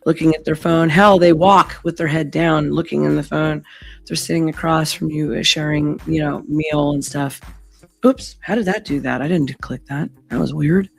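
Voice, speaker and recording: A woman with a hoarse, gravelly voice, losing it to laryngitis, hosting a casual live stream in a blunt, sweary manner. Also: sits low, fairly even intonation, moderate pace, faint music behind.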